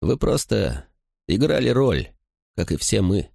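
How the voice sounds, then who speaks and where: A man's voice: lowish voice, sing-song, unhurried, vocal fry, darkish tone, breathy edge, no echo, studio quality, pitched above the performer's own voice, heavily acted. A man voicing an aloof young nobleman in an audiobook, curt and detached. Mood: cold.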